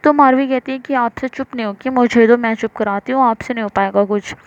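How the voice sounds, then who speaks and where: A woman's voice: a little high, brisk, dull audio. A woman narrating a love story casually, with many fillers and restarts. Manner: loose, filler-heavy retelling.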